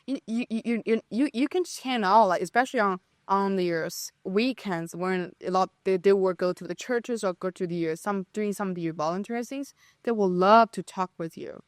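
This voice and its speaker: Clean studio sound with no room echo captures a young Chinese podcast guest with a Chinese accent chatting casually. Her mid-range voice moves at a normal pace with few pauses, though she hesitates, restarts often and uses lots of fillers.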